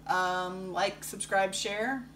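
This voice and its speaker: A woman's voice: mid-range voice, very slow, far from the mic, slight background noise, low-quality recording. A young woman co-hosting a casual reaction video, giggling often and filling her talk with "like". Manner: giggly, animated, lots of "like" fillers.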